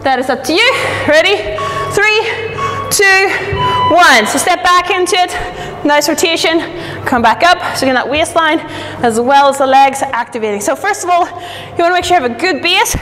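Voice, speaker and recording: A young woman coaching a workout as a fitness instructor, encouraging and breathy from exercise. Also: very high voice, expressive, moderate pace, music in the background. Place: large indoor studio with wooden floor. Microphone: distant camera. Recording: echoey hall from far off, noisy.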